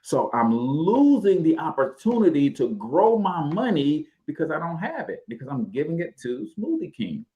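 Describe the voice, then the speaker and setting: A man's voice: fairly high pitch, big pitch swings, moderate pace, hardly any pauses, dark tone, highs cut off. A man hosting a podcast, talking money in emphatic, punchy phrases with repetition and radio-style segues. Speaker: podcast host.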